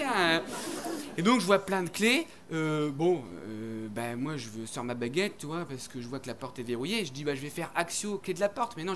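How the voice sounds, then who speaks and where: A man doing stand-up comedy on stage, telling a rambling, crude story full of slang and acted-out voices. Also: fairly high pitch. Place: comedy stage before an audience.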